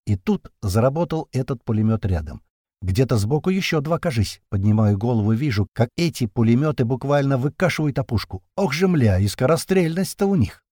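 A man's voice: medium pitch, expressive, mellow, no room sound, clean studio sound. A man narrating a first-person war story in slangy, swearing action prose. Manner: slangy, swearing, fast-moving action telling. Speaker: audiobook narrator.

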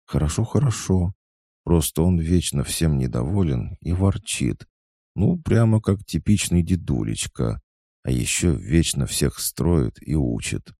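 A man's voice: a bass voice, big pitch swings, measured pace, mellow, breathy edge, no room sound, studio quality, voice pushed up, heavily acted. Man voicing a teasing goddess companion. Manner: teasing, soothing.

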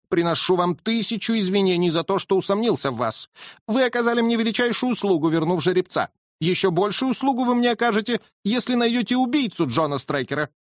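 A man voicing an excitable aristocratic old colonel who exclaims and protests in an agitated manner. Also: high-pitched, dry recording, studio quality, voice pushed up.

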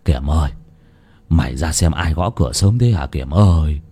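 A man voicing a frightened old male village elder, speaking slowly, low and solemn. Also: lively intonation, dark tone, slightly rough, exaggerated voice. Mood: grave. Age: older.

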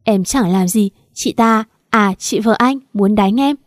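A woman's voice: mid-range voice, measured pace, no echo, clean studio sound, lightly acted. Woman doing a brash, foul-mouthed young woman. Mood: whining. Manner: insolent, vulgar and taunting. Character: rude brash young woman, mistress type.

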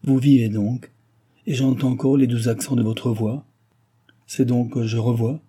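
A man voicing a remorseful young gentleman who pleads fervently with the woman he loves, in a read-aloud novel. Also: mid-range voice, fairly even intonation, a little slow, husky. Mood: pleading.

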